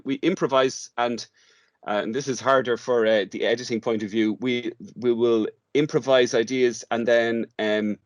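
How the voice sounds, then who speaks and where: Speaking at medium pitch with no echo, this man is an interview guest who runs drama workshops. He explains what he does in a relaxed conversation, often starting over and repeating himself.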